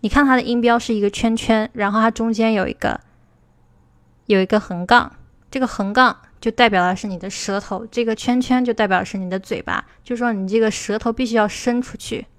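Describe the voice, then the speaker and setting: Higher-voiced woman teaching in a dry voice. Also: steady tone, dry recording. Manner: explanatory, asks "对吧" to check understanding; slows down to model English pronunciation. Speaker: English teacher. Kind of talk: livestream lesson.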